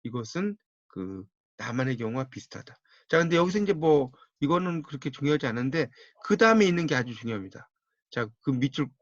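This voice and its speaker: A middle-aged man lecturing to a class in a steady, instructive way, guiding listeners through a textbook. His voice sits at an ordinary pitch. The recording is dull and muffled, with a dry sound and no room echo. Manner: steady instructive pace, tells students to mark the textbook.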